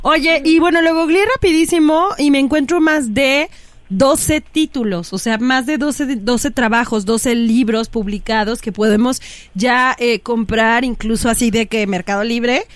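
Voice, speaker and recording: A woman co-hosting a radio talk show, chatty with quick asides. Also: fairly high pitch, steady tone, no echo. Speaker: radio co-host.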